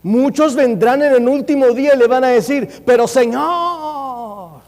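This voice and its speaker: A man, a pastor, preaching a sermon in a church in an animated, humorous way, with mocking impressions. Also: extremely high pitch, normal speed. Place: church sanctuary. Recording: long reverb from a church hall.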